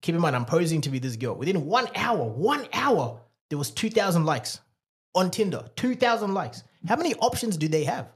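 Man, Australian accent, husky voice, slightly high, emphatic storyteller. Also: very animated, moderate pace. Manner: emphatic, repeats points, storytelling. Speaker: podcast co-host, former dating coach. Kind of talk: casual podcast chat.

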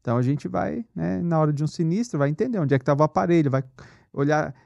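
A man's voice: a little high, expressive, quick pace, gravelly, a little mellow, dry recording, muffled recording. A man with a Brazilian Portuguese accent, an insurance executive explaining things as a guest in a casual podcast interview, often checking "entendeu?". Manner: explanatory, many fillers like "entendeu?" and "né?".

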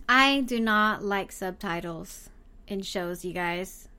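A woman's voice: medium pitch, takes it slowly, bright, forceful tone, clear, resonant tone. A woman co-hosting a live-streamed chat podcast, talking casually in an exaggerated Valley Girl voice, giggly and rambling.

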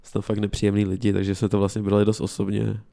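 A man's voice: fairly low pitch, completely flat delivery, creaky, warm tone. A man co-hosting a football podcast, talking in a casual, slangy, laid-back way. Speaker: podcast co-host.

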